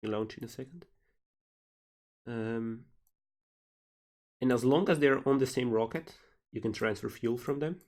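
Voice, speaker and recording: A man's voice: mid-range voice, measured pace, long pauses, darkish tone. A man from Slovenia, a game developer casually reading out and answering questions on a livestream.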